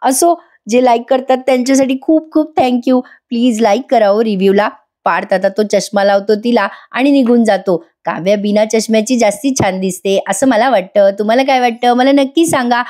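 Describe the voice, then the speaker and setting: Brief: chatty woman reviewing a serial in voice-over, with a mellow, fairly high voice. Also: normal speed. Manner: chatty, addresses viewers directly.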